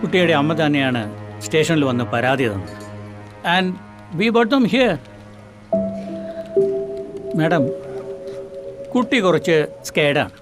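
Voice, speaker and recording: A man's voice: fairly high pitch, lively intonation, takes it slowly, long pauses. An actor playing a polite, formal policeman. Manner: formal, respectful. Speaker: police officer. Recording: film audio with music score.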